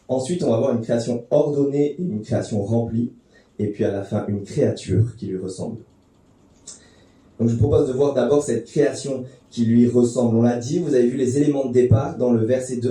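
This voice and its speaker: A man preaches a sermon in a dark, mellow voice, talking through the text in an easy, conversational way with the odd filler and restart. The sound rings around a very echoey church hall, and he stands some distance from the microphone. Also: medium pitch. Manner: conversational teaching with fillers and restarts, addressing the congregation.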